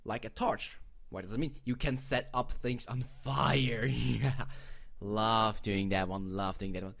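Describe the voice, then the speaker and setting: This man's mid-range voice has a fairly bright tone and a Swiss accent. He's from Switzerland and speaks English, not his native language, as host of a video channel. His casual commentary on game crowdfunding projects is rambling and playful, with frequent self-corrections.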